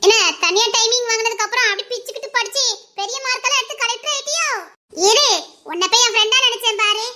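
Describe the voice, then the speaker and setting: A woman playing a proud, curt young village woman with a Tirunelveli Tamil accent and a sharp tongue. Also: extremely high pitch, fast. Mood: bickering. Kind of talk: amateur drama skit.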